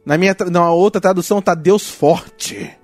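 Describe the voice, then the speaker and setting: A man with a Brazilian Portuguese accent preaching a sermon, swinging between loud rebukes and quiet asides. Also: sits high, fairly even intonation, moderate pace, dry recording, soft background music. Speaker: pastor.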